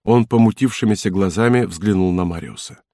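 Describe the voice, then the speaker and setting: A man narrating an audiobook in a calm, measured storytelling manner. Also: low-pitched, no room sound, clean studio sound.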